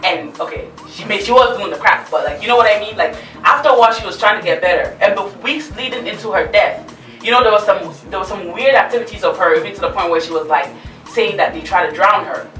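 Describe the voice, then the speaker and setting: A woman's voice: medium pitch, quick pace, sharp tone. A woman hosts a casual talk show and pushes back hard on her guest, making her case point by point. She sounds roomy and a bit distant from the mic, with faint music under her voice. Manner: argumentative, pushes back emphatically. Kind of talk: casual debate chat.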